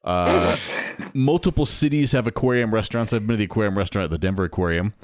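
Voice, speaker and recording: A man's voice: fairly low pitch, fast. A man in his thirties co-hosting a podcast, chatting wryly and reading items off a list. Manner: chatty, wry, reads from a list. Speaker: podcast co-host. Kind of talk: casual podcast chat.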